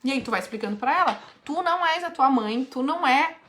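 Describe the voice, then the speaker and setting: A woman's voice: high voice, expressive, a little fast, a bit bright, slight background noise. Direct woman mentoring. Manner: direct, coaching, reads participants' questions aloud and answers. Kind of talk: live online mentoring session.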